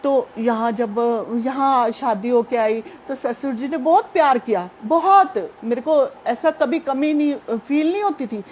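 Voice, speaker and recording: A woman's voice: on the high side, a little slow, few pauses, darkish tone, a little hiss or hum. A woman gives a devotional testimony, telling her story earnestly and speaking directly to her listeners. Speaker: devotee sharing a personal testimony.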